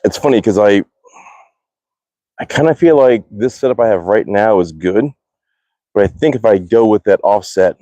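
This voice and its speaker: With a fairly low, mellow voice at normal speed and long pauses, a man live-streams on his phone from his backyard archery range. He chats casually and rambles, restarting often, answering viewer comments out loud and cursing quietly at bad shots. There's no echo, though the highs are cut off.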